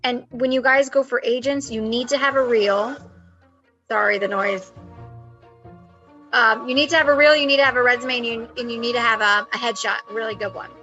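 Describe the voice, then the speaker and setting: A woman acting coach talks in a lively, chatty way on a video call. Her voice is bright and fairly high. The call audio is a little muffled, with faint music behind. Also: a little fast. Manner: animated and chatty, with frequent fillers. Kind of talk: casual advice chat. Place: home, with construction noise outside.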